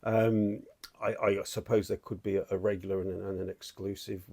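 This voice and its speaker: A middle-aged man chatting excitedly in a home vlog, rambling and restarting his sentences as he walks around. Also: deep voice, normal speed. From United Kingdom. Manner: enthusiastic, rambling, with many restarts. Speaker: statue collector vlogger. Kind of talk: excited casual vlog chat. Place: at home, walking between rooms.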